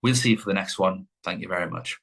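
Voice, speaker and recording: Man, casual podcast co-host, lowish voice, rambling, self-correcting. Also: fast talker, gravelly, fairly bright tone. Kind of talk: casual chat.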